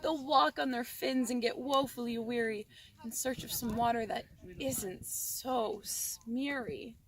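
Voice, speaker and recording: A woman's voice: high voice, moderate pace, vocal fry, a bit bright, voice pushed up. A woman voicing an indignant old forest creature from a storybook, scolding and pleading in rhyme recited by rote.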